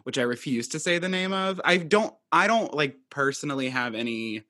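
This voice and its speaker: Young male podcast host, bright tone, theatrical and sarcastic. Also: a little high, animated, normal speed. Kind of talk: casual podcast chat.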